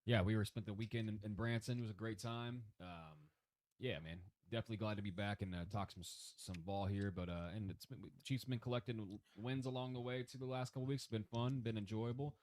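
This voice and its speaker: A male sports co-host with a lowish voice, chatting casually. He is laid-back and slangy, recorded dry and close. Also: brisk, darkish tone, no room sound. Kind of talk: casual chat.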